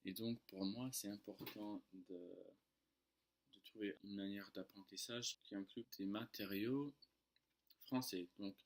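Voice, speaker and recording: A man with a fairly low voice and an American accent speaks French as a second language. His delivery is casual storytelling, with hesitations and small slips in grammar, as a native English speaker would make. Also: steady tone, measured pace. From United States. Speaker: French tutor and online video creator.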